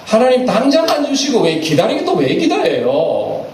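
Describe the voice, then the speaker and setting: Animated pastor in an echoey church. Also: male voice, very high voice, moderate pace. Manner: animated preaching with questions to the congregation and acted-out asides. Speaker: senior pastor. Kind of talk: sermon. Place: church sanctuary. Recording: echoey church hall, picked up from a distance, faint room noise.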